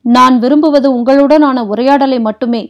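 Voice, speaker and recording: For an audiobook, a woman voices a proud, fiery young princess who speaks sharply and defiantly. Her voice is high and paced normally, though the recording sounds muffled.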